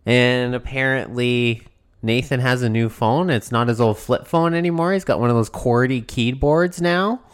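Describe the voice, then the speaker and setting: A man's voice: medium pitch, normal speed, smooth. A man co-hosting a podcast, swearing often and joking in casual chat. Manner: profane, joking, animated. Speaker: podcast co-host.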